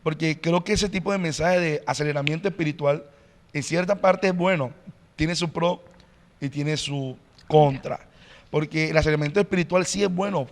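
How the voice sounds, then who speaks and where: Pastor guy on a podcast, kinda high voice, preachy and earnest, lots of "eh", echoey room. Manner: earnest, teacherly, frequent "eh" fillers. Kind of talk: podcast interview, preaching-like explanation.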